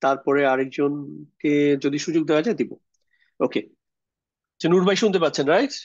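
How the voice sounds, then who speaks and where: Male online tutor, slightly higher voice, patient step-by-step explainer, dry lo-fi call sound. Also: brisk, darkish tone, slightly rough, dry recording. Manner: explains step by step, checks understanding with questions. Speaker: Arabic grammar teacher. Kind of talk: online class lecture. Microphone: video call.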